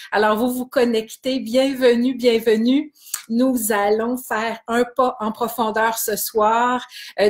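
A woman with a Québécois accent hosting a wellness live stream from her computer, greeting viewers by name in a chatty way with many hesitations. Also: on the high side. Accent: Québécois French. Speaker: kinesiology wellness host.

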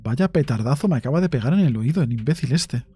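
A man's voice: mid-range voice, expressive, fast talker, warm tone, slightly rough, soft background music. A man with a Spain Spanish accent giving let's play commentary on a horror game, jumpy, swearing often and talking to himself. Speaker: gaming YouTuber.

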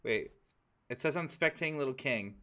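A man's voice: mid-range voice, expressive, moderate pace, sharp tone, slight background noise. A man co-hosting a live gaming stream, chatting casually, laughing and swearing as he reacts to the game. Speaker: streamer co-host.

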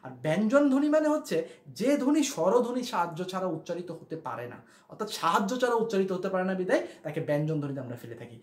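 A male teacher with a fairly high, sing-song voice teaches grammar at a board in a room full of echo. He moves through each point slowly, repeats the main ideas over and over, and keeps putting questions to his class.

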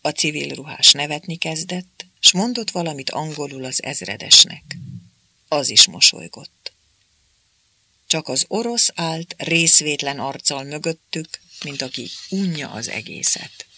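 A man narrating a novel as an audiobook, in steady, plain storytelling. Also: on the high side, slightly rough, dry recording.

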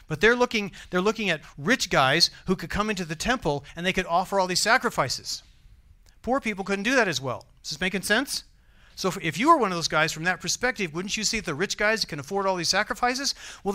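An American pastor preaches a sermon in church, speaking conversationally and often putting questions to the congregation. His voice is high-pitched and bright with a forceful tone.

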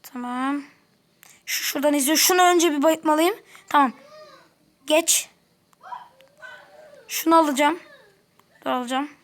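A woman giving casual let's-play commentary, chatty, grumbling and talking to the characters on screen. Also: sits high. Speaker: gameplay commentator.

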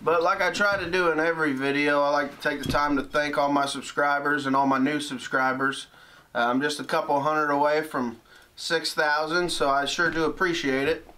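A man's voice: a little high, steady tone, normal speed, bright, forceful tone. A plain-spoken, laid-back man talking casually with his son while he vlogs from a small wood-heated cabin. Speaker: outdoors vlogger.

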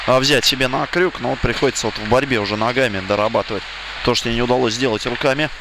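A man giving live play-by-play commentary on an ice hockey match, speaking haltingly with pauses as he follows play. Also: medium pitch. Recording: loud rink noise behind the voice. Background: indoor ice rink noise.

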